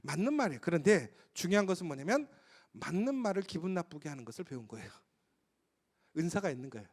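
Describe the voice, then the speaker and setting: A man's voice: fairly high pitch, quick pace. A male pastor preaching a sermon, emphatic and storytelling, who often turns to the congregation with rhetorical questions. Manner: lively, storytelling delivery with occasional laughs.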